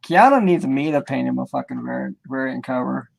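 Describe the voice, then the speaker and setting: A man's voice: mid-range voice, normal speed, creaky, slight background noise. A man chatting casually on a comics livestream in a rambling, colloquial, teasing way. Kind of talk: casual chat, joking and swearing.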